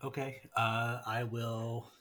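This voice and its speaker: A man's voice: mid-range voice, flat delivery, slow, sharp tone. A man playing a tabletop game, talking hesitantly with many fillers. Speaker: player. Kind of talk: casual tabletop game chat.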